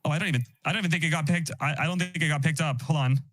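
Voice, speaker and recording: A man's voice: on the high side, racing, fairly bright tone. A man chatting as a livestream guest, enthusiastic and often restarting his sentences. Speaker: guest, host's boyfriend. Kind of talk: casual chat.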